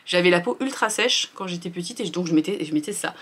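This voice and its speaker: A woman's voice: fairly low pitch, expressive, fast, husky. Chatty woman in her thirties. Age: 30s. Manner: chatty, candid, filler-heavy. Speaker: beauty vlogger. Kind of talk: casual skincare routine vlog.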